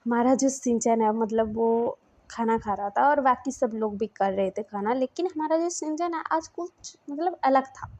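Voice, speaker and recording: A young woman with a slightly high voice tells a story in a loose, chatty way. She keeps stopping to search for the next word, padding her sentences with fillers and restarts. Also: normal speed, dark tone. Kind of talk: casual spoken retelling of a fan story.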